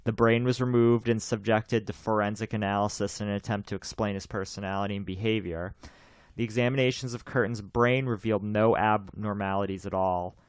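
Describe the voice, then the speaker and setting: Smooth-voiced young man, chatty host. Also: fairly low pitch, steady tone, fairly quick, no echo, studio quality. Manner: rambling, repeats himself, laughs often. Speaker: podcast host. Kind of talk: casual chat.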